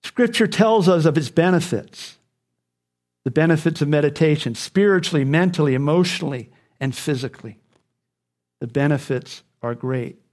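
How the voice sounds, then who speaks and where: A man's voice: a little high, moderate pace, a little mellow. A man preaching a sermon, speaking earnestly and repeating key phrases for emphasis.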